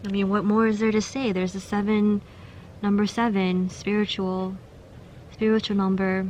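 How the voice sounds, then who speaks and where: A woman's voice: medium pitch, flat delivery, normal speed, darkish tone, a little hiss or hum. A young woman giving a casual pick-a-card tarot reading, chatty and giggly, with many fillers and restarts. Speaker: tarot reader.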